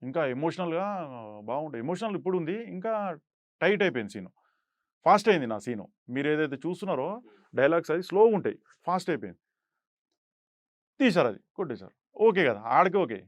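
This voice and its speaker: A man's voice: fairly high pitch, very animated, a little fast, pauses often, no room sound. A young man, an actor guest telling stories in an interview and acting out quoted lines in a raised voice. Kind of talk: animated storytelling interview.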